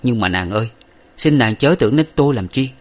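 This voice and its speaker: A man's voice: medium pitch, expressive, fairly quick, a little mellow, close to an everyday voice. A man voicing an earnest young man who reassures his beloved, in an audiobook of an old novel. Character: earnest young man, lover bound for study abroad.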